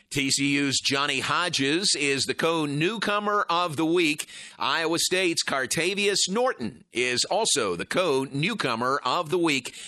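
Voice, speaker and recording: A man's voice: fairly high pitch, pushed and bright, dry recording. A man hosting a sports radio segment, reading scripted news and sponsor copy.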